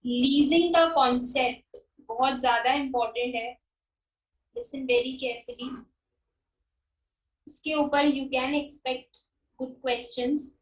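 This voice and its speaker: High-voiced woman teacher, echoey room. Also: steady tone, recorded from a distance. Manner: explains slowly, repeats key terms and checks understanding. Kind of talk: recorded finance lecture. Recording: echoey room, speaker away from mic.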